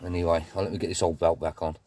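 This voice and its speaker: A man's voice: sits low, little pitch movement, rapid-fire, heavy background noise. A man doing a casual car repair vlog, grumbling and swearing as he works. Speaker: car DIY vlogger.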